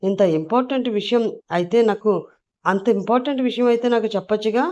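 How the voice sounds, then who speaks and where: A pushy young man on the phone, put on by a woman narrator, firing off complaining questions. His pitch runs high and urgent. It is a storybook audio drama. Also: fast talker, a little mellow, dull audio, close to an everyday voice. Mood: pressing.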